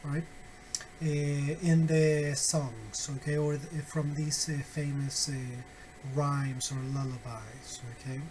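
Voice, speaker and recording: Slow, patient male phonetics teacher. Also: fairly high pitch, steady tone, darkish tone, slight background noise, poor audio. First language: Spanish. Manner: slow, patient, many "uh" fillers and "okay?" checks. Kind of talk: recorded online lecture.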